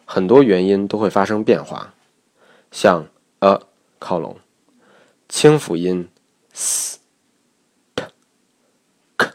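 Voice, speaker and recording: Deep-voiced man calmly teaching pronunciation. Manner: measured, methodical explaining. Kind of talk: recorded lesson narration.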